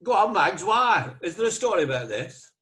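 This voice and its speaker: A man hosts a quiz over a video call. He has a fairly high voice and teases his players with dry jokes between questions. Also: very animated, normal speed, fairly bright tone, faint music behind. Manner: jokey, teasing quiz master. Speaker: quiz host.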